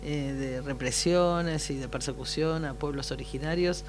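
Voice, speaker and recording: A man's voice: on the high side, a little hiss or hum. Thoughtful Argentine man on community radio. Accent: Argentine Spanish. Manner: thoughtful, halting with fillers. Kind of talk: casual radio talk.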